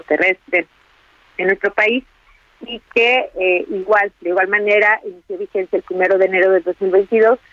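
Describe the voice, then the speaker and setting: A woman, a tax expert answering interview questions in a measured, technical way with many fillers. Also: medium pitch, no room sound, lo-fi sound. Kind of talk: explanatory radio interview answers.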